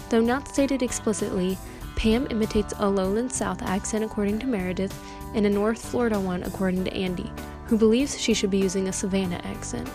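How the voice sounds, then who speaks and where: A young woman, a student, reading a clear, explanatory narration for a class presentation. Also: mid-range voice. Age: young adult.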